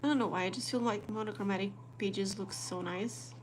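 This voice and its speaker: Young Portuguese-accented woman, relaxed chatty vlogger voice, faint noise behind. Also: medium pitch, brisk. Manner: chatty, relaxed, talks to viewers while drawing. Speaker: planner artist and vlogger. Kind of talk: casual live-stream chat while journaling.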